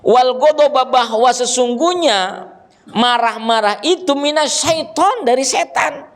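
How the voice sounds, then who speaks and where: A man preaching a religious lesson to a gathering, animated and joking with the audience, acting out scolding parents. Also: very high voice, a little slow. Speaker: ustadz teaching a religious study group. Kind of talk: sermon. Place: gathering with children and fathers present.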